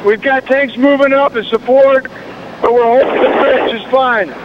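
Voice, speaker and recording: An American male Marine gives a terse battlefield report, clipped and matter-of-fact, his voice raised very high in pitch. The field line is muffled, with clear wind and vehicle noise. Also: fairly even intonation, moderate pace. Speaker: US Marine in combat. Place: outdoors in a battle zone.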